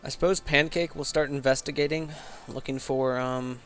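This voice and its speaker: A man's voice: mid-range voice, fairly even intonation, normal speed, a bit bright, faint music behind. A man playing a tabletop game, hesitant with many ums and casual swearing, who has the hiccups. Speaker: player.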